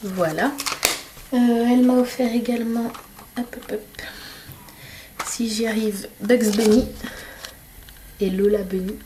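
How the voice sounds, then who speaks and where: A woman's voice: on the high side, steady tone, slow, pauses often, background noise. A woman chatting casually to her camera as a vlogger, with many fillers and restarts. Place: home workshop.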